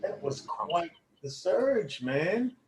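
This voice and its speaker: A man on a live trading stream who reacts excitedly to market moves with whoops and exclamations. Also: on the high side, very slow, crowd noise. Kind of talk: casual live trading chat.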